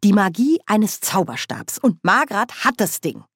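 A woman reading an audiobook, voicing a cheeky, boozy old witch woman with a loud, high, cackling voice. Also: very animated, measured pace, husky, no echo, clean studio sound, full character voice. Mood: merry. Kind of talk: audiobook character voice.

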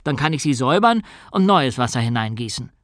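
A man's voice: mid-range voice, very animated, brisk, fairly bright tone, no room sound, studio quality. A man doing a patient young tinkerer.

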